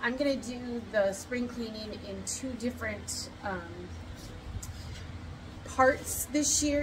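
Chatty middle-aged woman, distant mic. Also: medium pitch. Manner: chatty, many ums, restarts. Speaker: rabbit keeper vlogger. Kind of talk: casual vlog talk. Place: barn with cement floor, then outdoors in a yard. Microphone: camera a little way off. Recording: distant camera mic with steady background noise. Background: passing motorcycles and outdoor ambience.

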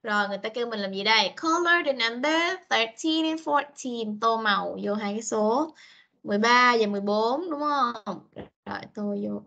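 Lady teaching kids on a video call, high bright voice, patient, says the english slowly. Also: lively intonation, creaky, muffled recording. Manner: patient, coaxing, switches between Vietnamese and slow English. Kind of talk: online class for young children.

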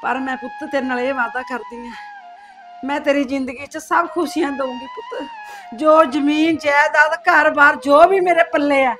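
Woman acting as a crying mother-in-law, soft pleading voice, kinda high, music under it. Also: lively intonation, moderate pace. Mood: tearful comfort. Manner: tearful, soothing, pleading. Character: grieving mother-in-law comforting her son's wife. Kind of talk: short family drama.

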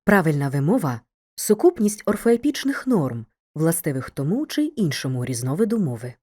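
A woman narrates a school video lesson in a clear, measured way, speaking straight to the student. Her voice sits low and mellow. Her intonation rises and falls in wide, lively swings. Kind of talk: scripted educational narration.

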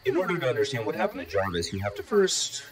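An actor voicing a robotic AI, formal and deadpan. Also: male voice, mid-range voice, fast talker, a crowd in the background, natural voice. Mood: matter-of-fact. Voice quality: synthetic robotic voice. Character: flat robotic AI voice, literal-minded, humorless. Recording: music bed behind.

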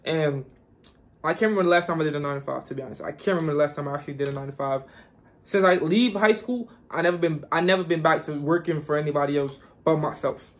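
Young Guyana-born guy, high voice, pumped-up repetitive money-advice vlogger. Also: fast talker. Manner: repetitive, hyped, preachy. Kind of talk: casual motivational vlog.

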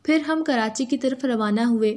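A woman with an Urdu accent reading a first-person story as a steady, even narrator. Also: on the high side, moderate pace.

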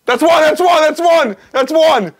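A young adult man hosting a challenge among friends in casual, excitable chat, often shouting, recorded indoors. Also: very high voice, a little slow. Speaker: challenge video host. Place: indoors in a basement games room. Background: music.

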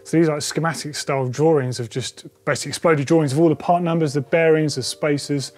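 A man's voice: a little high, fairly even intonation, fast, darkish tone. A man in his forties, chatting enthusiastically as he tours a bike workshop and thinks aloud. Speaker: presenter. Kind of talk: casual workshop tour. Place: indoor bike workshop shed.

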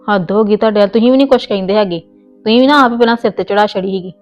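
In a scripted family comedy skit, a woman plays a stubborn young wife who's quick to argue, scolding and insisting as her voice climbs. Her medium-pitched voice races, sounds close to everyday speech, and the lo-fi audio has soft music behind it. The mood is both soothing and scolding.

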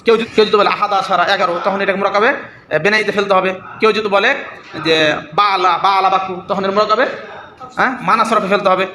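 A man teaching a grammar class, talking very fast in a bright, forceful voice. He repeats each point and often asks whether his students understand. The sound is roomy and echoey, with a faint hiss behind it. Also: high voice, fairly even intonation. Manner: repetitive, checks students' understanding; mimics sounds. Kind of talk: classroom lesson.

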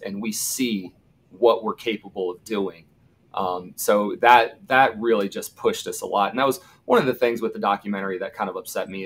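A man's voice: lowish voice, slight background noise. A man in his thirties, a former college football punter, telling easygoing anecdotes in a casual interview. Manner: easygoing, anecdotal, acts out quoted shouts.

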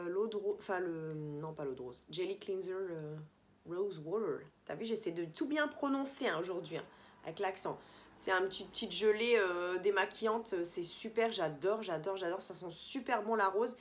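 A woman's voice: mid-range voice, slight background noise. A woman chatting casually through a beauty product review vlog in a holiday apartment, rambling and correcting herself with many fillers. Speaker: beauty vlogger.

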